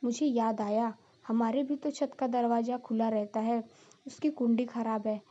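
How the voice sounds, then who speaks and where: Woman voicing a naive cartoon daughter-in-law, earnest, high mellow voice, dull lo-fi sound. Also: steady tone, normal speed, close to an everyday voice. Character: silly literal-minded young daughter-in-law.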